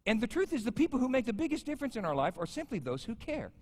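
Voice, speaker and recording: A man's voice: extremely high pitch, sing-song, racing. A man in his fifties preaching a sermon as pastor, conversational and joking with the congregation. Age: 50s. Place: large church sanctuary. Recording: church sanctuary with long reverb.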